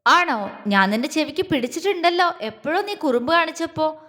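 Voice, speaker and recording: Playful teasing young guy read by a woman, highish voice. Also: expressive, brisk, bright, forceful tone. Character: teasing, affectionate young man. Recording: long echoey reverb.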